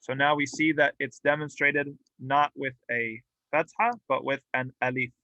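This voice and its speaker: A man's voice: mid-range voice, level tone, moderate pace, sharp tone, dry recording, rough recording. A man teaching a classroom grammar lesson, explaining patiently and drilling example words aloud with light humor. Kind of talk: classroom lecture. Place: mosque classroom.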